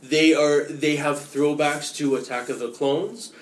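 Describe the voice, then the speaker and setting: A man's voice: on the high side, steady tone, a little slow, roomy sound. A man co-hosting a casual film discussion, eagerly explaining background at length. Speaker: podcast co-host.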